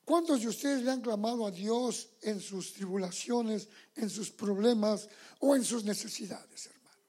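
A man's voice: high-pitched, unhurried, dark tone. A man preaching a sermon as pastor, fervent and calling his listeners brothers.

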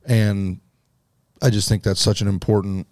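A man hosting a casual church podcast chat, relaxed and joking, thinking aloud with fillers. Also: fairly low pitch, moderate pace, dry recording, studio quality. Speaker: podcast host.

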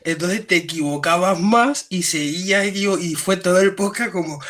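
A man with an Andalusian accent chats casually on a podcast. His voice sits a little high and rings bright. He jokes around and swears without care. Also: normal speed. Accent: Andalusian Spanish. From Andalusia, Spain. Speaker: podcast co-host. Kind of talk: casual chat.

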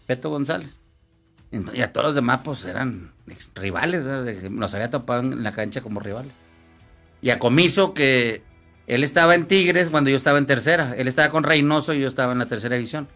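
A man's voice: medium pitch, fast talker, fairly bright tone, soft background music. A man, a former footballer telling crude, laughing anecdotes in a casual chat. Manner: laughing storyteller, crude slang, acts out voices.

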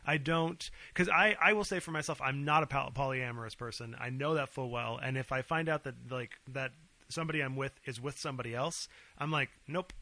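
A man's voice: mid-range voice, brisk, sharp tone, no echo. A man co-hosting a podcast, explaining his views earnestly in casual chat, swearing freely. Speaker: podcast co-host.

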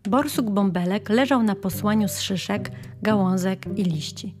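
A woman narrating a children's story in a gentle, clear storytelling manner. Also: mid-range voice, normal speed, music in the background. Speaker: audiobook narrator.

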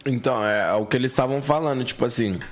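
A man's voice: mid-range voice, racing. A man hosting a podcast, asking slangy, hesitant questions in casual chat. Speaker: podcast host.

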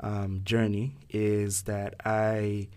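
A man's voice: lowish voice, monotone, drawn-out words, darkish tone, smooth. A young man from Ghana hosting a casual podcast discussion, thoughtful and hesitant, with many fillers and restarts. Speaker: podcast host.

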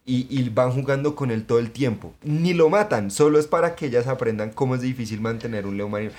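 A man, co-hosting a podcast in casual chat, talking in an excitable, emphatic way with plenty of swearing. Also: mid-range voice, fast. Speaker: podcast co-host.

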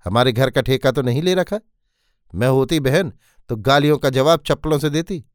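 A man voicing a meddling, sharp-tongued older aunt in a spoken story, taunting and scolding. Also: medium pitch, moderate pace, no room sound, clean studio sound, close to an everyday voice.

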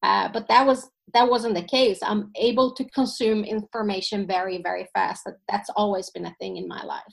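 On a podcast, a Swedish woman whose first language is Finnish reflects on her life in casual storytelling, using plenty of fillers. Her mid-range voice has fairly even intonation and vocal fry, at a normal speed.

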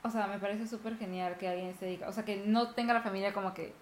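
A woman's voice: medium pitch, steady tone, rapid-fire, slight background noise. A young woman chatting casually as a co-host, rambling with lots of fillers. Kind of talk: casual chat. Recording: roomy echo.

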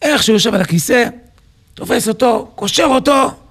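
A man, a rabbi, telling a parable in a lively sermon and acting out its scenes. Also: very high-pitched. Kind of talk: sermon storytelling.

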